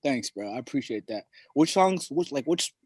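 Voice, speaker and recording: A young man from Somalia, a hip hop artist, speaking in a laid-back, halting way full of fillers. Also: mid-range voice, animated, darkish tone, slightly rough, no echo. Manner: laid-back, halting, constant "you know". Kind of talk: casual interview.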